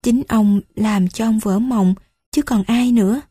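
A woman voicing a young girl who is gentle, earnest and teasing in a calm, soft-spoken way. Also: fairly high pitch, a little slow, husky, dry recording, clean studio sound.

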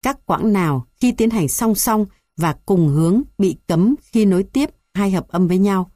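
A woman reading a music theory textbook aloud in an even, measured way, going through numbered points. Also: medium pitch, dry recording, clean studio sound. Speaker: textbook reader.

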